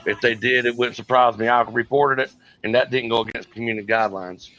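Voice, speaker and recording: A man's voice: medium pitch, fairly even intonation, quick pace, sharp tone, poor audio. A man, co-hosting a casual podcast chat, blunt and rambling with frequent restarts. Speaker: podcast co-host.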